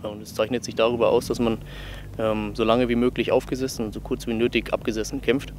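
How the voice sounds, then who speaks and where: A man's voice: medium pitch, level tone, quick pace. A man, an army company commander, explaining things in an interview. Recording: outdoor noise with vehicles.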